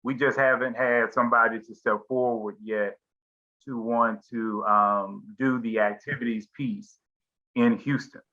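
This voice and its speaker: A middle-aged man leads a casual group chat over a video call, circling his points with plenty of ums and restarts. His voice sits at an ordinary middle pitch. The call audio sounds a little dull and lo-fi. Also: fairly even intonation, a little slow, sharp tone. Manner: rambling, many fillers and restarts.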